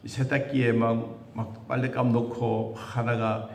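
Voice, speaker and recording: A man preaching a sermon as pastor, asking rhetorical questions and acting out the voices he quotes. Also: unhurried. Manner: animated, with sudden high jumps in pitch and rhetorical questions. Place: church sanctuary. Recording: echoey church hall.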